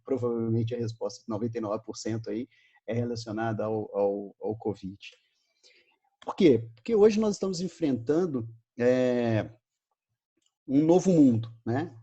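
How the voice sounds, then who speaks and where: A man's voice: medium pitch, a little slow, dark tone, slightly rough, lo-fi sound. A man with a Brazilian Portuguese accent giving a virtual business talk, telling a story and acting out the dialogue with animation. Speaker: speaker.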